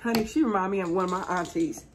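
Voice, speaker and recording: A woman's voice: lowish voice, quick pace, slight background noise. A middle-aged American woman chatting casually to her subscribers as a channel host, in an exuberant, folksy manner, repeating words for emphasis. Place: small living room, indoors, seated on a couch.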